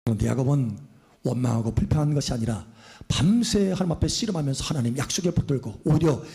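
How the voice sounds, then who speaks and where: A man's voice: a little high, creaky, warm tone. A male pastor preaching a fervent sermon, often calling out hallelujah and putting questions to the congregation.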